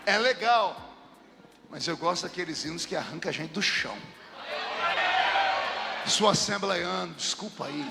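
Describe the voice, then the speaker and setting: Brazilian pastor guy, funny animated sermon, shouts a lot, echoey hall w/ music behind. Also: sits high, measured pace, gravelly, long pauses. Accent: Brazilian Portuguese. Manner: animated, humorous, shouting bursts. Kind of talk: lively storytelling sermon.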